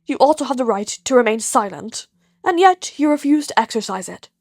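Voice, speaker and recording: A woman plays a stern hero, a gruff, dry, annoyed grown man, speaking slowly and deadpan for an audio story. Her pitch sits on the high side, and there's no room sound.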